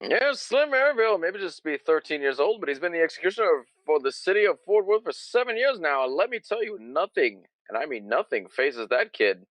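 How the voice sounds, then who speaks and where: A man's voice: a little high, big pitch swings, brisk, hardly any pauses, a bit bright, no room sound, rough recording. A man playing a cheerfully grim backwoods rancher on a comedic 1920s-style radio parody, drawling about grisly events. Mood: matter-of-fact.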